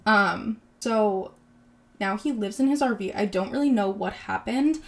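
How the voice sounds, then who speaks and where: A woman's voice: mid-range voice, a little slow. A woman in her twenties hosting a podcast, chatting casually and sarcastically about celebrity gossip, with lots of "like". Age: 20s. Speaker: podcast host.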